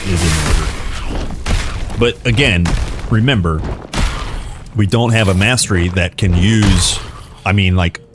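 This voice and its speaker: A man's voice: low-pitched, noisy background. A man streaming a game live, chatting casually in an informal, enthusiastic, rambling way.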